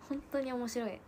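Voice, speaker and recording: A woman's voice: high voice, slight background noise. A woman in her twenties chatting casually on a livestream, telling family stories and answering comments. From Japan. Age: 20s. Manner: chatty storytelling, answering comments, frequent laughs and soft asides. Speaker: livestream host.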